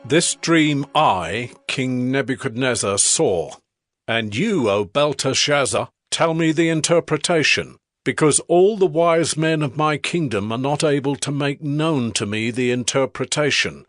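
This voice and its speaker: Grandiose King Nebuchadnezzar, swooping slow delivery. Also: mid-range voice, lively intonation, a bit bright, dry recording, studio quality. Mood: commanding, solemn. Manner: declamatory, solemn, measured royal delivery. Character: proud, grandiose ancient Babylonian king, awed by wonders. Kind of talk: dramatized audio scripture acting.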